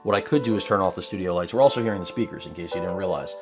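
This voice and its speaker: A man's voice: sits low, rapid-fire, over music. A middle-aged man reviewing a laptop in his home studio, talking casually and wandering off on sarcastic tangents. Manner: rambling, digressive, sarcastic asides. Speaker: tech reviewer. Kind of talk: casual unboxing commentary.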